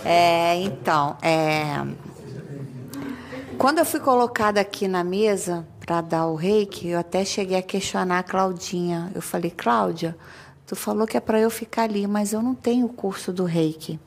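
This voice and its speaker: A woman's voice: fairly low pitch, normal speed. A woman chatting in a group, telling a personal story with hesitant restarts. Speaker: medium sharing an experience.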